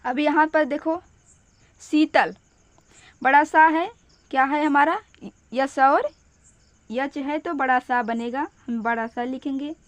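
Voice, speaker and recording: Female teacher, high pitch, unhurried step-by-step delivery, patient and repetitive. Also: no echo. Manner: patient, repeats each step slowly. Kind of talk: step-by-step spelling lesson.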